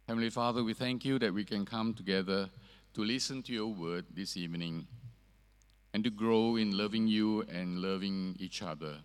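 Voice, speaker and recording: A man preaching a sermon as pastor, earnest and measured, pausing on fillers, his voice ringing with a long cathedral-like echo. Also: on the low side. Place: church sanctuary. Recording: echoey church hall reverb.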